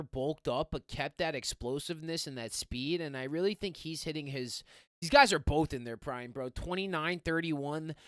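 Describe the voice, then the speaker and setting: Excitable young guy, slangy. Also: fairly high pitch, dry recording, studio quality. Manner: excitable, rambling, slangy with "bro" and "man". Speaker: MMA fight picks host. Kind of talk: casual fight preview monologue.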